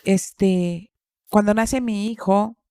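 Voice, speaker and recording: A middle-aged woman tells a personal story in a relaxed podcast conversation. She repeats key phrases for emphasis and acts out the voices of people she quotes. Her pitch is moderate and the recording is dry, with no room echo. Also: very slow, smooth. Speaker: podcast speaker. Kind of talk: personal storytelling in casual chat.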